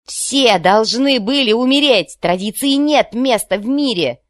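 A woman voicing an arrogant, fanatical man with mechanical hands in an audiobook, haughty and given to shouting. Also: fairly low pitch, animated, slow, dry recording, clean studio sound. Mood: raging.

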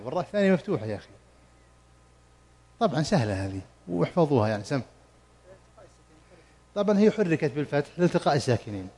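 A man teaching Quran commentary in a mosque study circle, slowly drawing out the verses he recites and quizzing his students as he explains. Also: a little high, a little mellow, slightly rough. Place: mosque lesson hall.

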